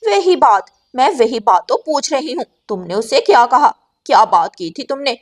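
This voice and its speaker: A woman voicing a crafty, bossy female crow shopkeeper in a cartoon who scolds and threatens loudly. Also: a little high, sing-song, moderate pace. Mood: interrogating.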